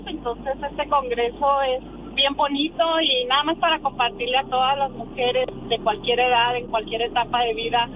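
A woman's voice: sits high, a little hiss or hum. A middle-aged woman from Texas, raised in the Valle de Juárez, calling in to a radio show, chatty and devout. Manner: warm, devout, chatty with fillers. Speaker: caller. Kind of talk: phone-in radio call. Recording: phone call aired on radio with music.

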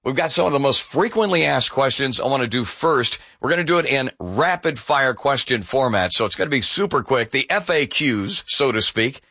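A man hosting an infomercial, pitching a product in an upbeat, emphatic sales voice and reading out details and a phone number. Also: animated, normal speed, hardly any pauses, sharp tone, dry recording, clean studio sound. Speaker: infomercial host.

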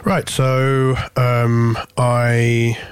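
A singer in his thirties from Corfu, born to an English mother, gives reflective interview answers in English lightly tinged with a Greek accent. He's thoughtful and often searches for words, with many restarts and fillers. His mid-range voice is monotone with drawn-out words, recorded cleanly with no echo.

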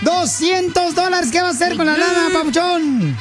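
A man's voice: very high voice, normal speed, music in the background. A man hosting a radio show, teasing a caller with rowdy, slang-heavy banter from the studio.

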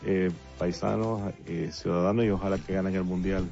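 A man from El Salvador speaks in a deep, gravelly voice. He is a guest in a relaxed interview and talks haltingly, with many fillers and restarts. The recording is dull and lo-fi, with faint music behind him. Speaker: guest songwriter and producer. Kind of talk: casual interview talk.

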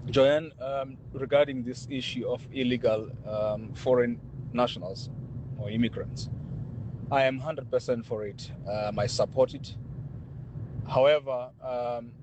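A man leaving a polite, hesitant voice note for a radio show, pausing often. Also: mid-range voice, steady tone, background noise. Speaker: listener sending a voice note.

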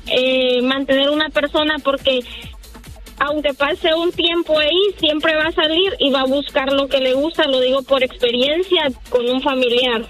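A woman calling in to a radio show, speaking in an earnest, measured way. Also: sits high, fairly even intonation, fairly bright tone, soft background music. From Honduras. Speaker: caller. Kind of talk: phone-in radio call.

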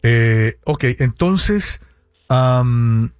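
A man's voice: mid-range voice, expressive, drawn-out words, smooth, no room sound, clean studio sound. A man hosting a radio show, asking questions and giving short affirming replies. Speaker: radio host. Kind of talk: radio interview.

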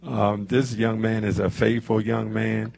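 A man in his seventies hosts a gospel radio hour from the studio. His voice sits low and gravelly with a dark, husky tone. He speaks in a relaxed, preacherly way, punctuating thoughts with amens. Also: measured pace. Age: 70s. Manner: preacherly, peppers talk with amens. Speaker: radio show host. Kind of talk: casual church radio talk.

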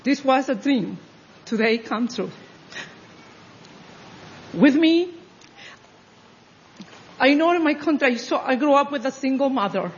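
A new citizen from Honduras giving a halting, emotional personal speech at an outdoor ceremony. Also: high voice, lively intonation, a little hiss or hum. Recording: dull audio with faint ambience.

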